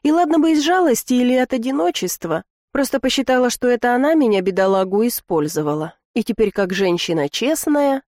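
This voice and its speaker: A woman's voice: fairly high pitch, lively intonation, a little fast, few pauses, a little mellow, no room sound, studio quality, voice pushed up, close to an everyday voice. A woman playing a vain boastful Frenchman.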